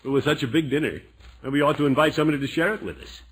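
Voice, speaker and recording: An actor playing a blustery, fond middle-aged uncle in an old radio sitcom, with theatrical exclamations. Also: male voice, on the high side, rapid-fire, a bit bright, natural voice, rough recording. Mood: genial, fond. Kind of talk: 1940s-50s radio sitcom acting. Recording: old-time radio recording, faint noise.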